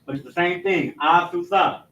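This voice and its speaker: Dull audio captures the class instructor speaking at a moderate pace. Leading his recorded language class casually and with lots of repetition, he recites letters loudly, pitch rising, and keeps adding "you know what I'm saying" in a lowered voice.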